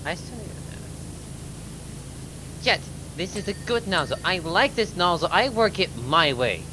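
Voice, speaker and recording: A person chatting casually and playfully while playing a video game, with animated delivery. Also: medium pitch, normal speed. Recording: clearly noisy background.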